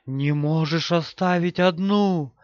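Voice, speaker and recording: The ghost of a young woman begging not to be left behind, drawn out slow and whispery, as a male narrator puts her on. The tone sits a little high. The recording is dry and somewhat muffled. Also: no echo. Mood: clinging.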